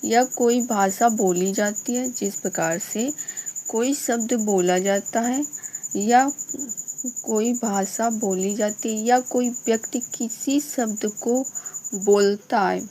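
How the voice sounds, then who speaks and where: A woman's voice: a little high, takes it slowly, mellow. A woman teaching an exam-prep language lesson, repeating each definition and then explaining it again in simpler words.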